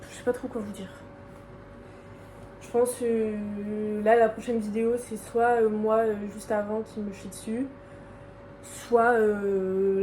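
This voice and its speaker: A young woman chats into her phone at home as she gets ready, rambling and poking fun at herself in slangy, casual talk. Her slightly high voice is soft and mellow. It sounds distant from the mic, in an echoey room with a faint hiss behind. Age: young adult. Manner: chatty, rambling, self-mocking, slangy. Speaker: vlogger. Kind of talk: casual vlog chat.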